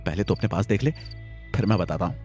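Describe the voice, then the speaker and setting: A man's voice: on the low side, quick pace, soft background music, lightly acted. A man voicing Arjun, a scared young village man who hides his fear behind teasing, talking to his friend in a Hindi audio story. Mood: jittery, teasing. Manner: tries to sound calm, teasing.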